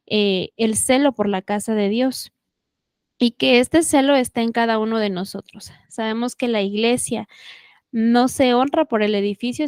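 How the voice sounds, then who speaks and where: A woman with a Mexican Spanish accent teaching a church lesson from slides in a steady, instructive way, often checking in with her listeners. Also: a little high, clear, resonant tone, no room sound, clean studio sound.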